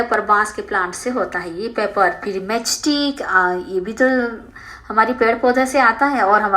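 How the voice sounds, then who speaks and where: A woman with a fairly high voice teaches a school science chapter from the textbook. She reads the English lines slowly and then explains them in Hindi with "um" and "uh" fillers. She often poses a question to the students and answers it herself. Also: pushed and bright.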